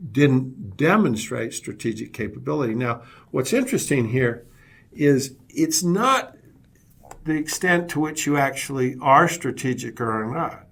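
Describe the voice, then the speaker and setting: A man's voice: mid-range voice, creaky. A man presenting a business webinar as a leadership consultant, telling anecdotes and often repeating words as he restarts.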